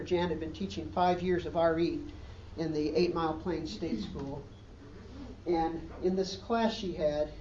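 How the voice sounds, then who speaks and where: A man's voice: on the high side, dark tone, highs cut off, slight background noise. A man preaching a sermon as pastor, in an earnest way, with emphatic rising questions, recorded from a distance in a church hall.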